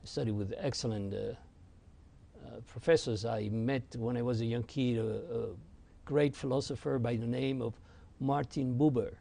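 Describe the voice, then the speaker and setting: A man from Argentina whose first language is French, a rabbi recounting his experiences at an unhurried pace as an interview guest. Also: medium pitch, steady tone, gravelly, dark tone. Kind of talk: reflective storytelling.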